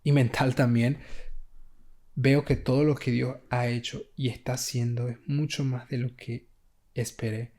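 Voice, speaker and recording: Man as a podcast guest sharing his faith testimony, reflective and unhurried, pausing with fillers. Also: medium pitch, level tone, a little mellow. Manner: reflective, with many pauses and fillers.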